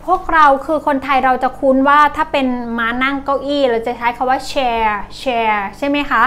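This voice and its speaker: A woman teaching English words to children, with a Thai accent, saying each word slowly over and over. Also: sits high, steady tone, a bit bright, clean tone. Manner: slow, drawn-out repetition of each word. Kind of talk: vocabulary lesson for children.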